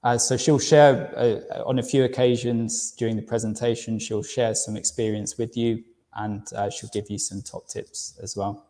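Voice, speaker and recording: A man in his thirties with a London accent, from the United Kingdom, presents a friendly university webinar as a recruitment director, stumbling and repeating words now and then. His middle-pitched voice is dark and mellow, with little pitch movement, a moderate pace and few pauses. A long reverb trails his words, as if he's in a large room.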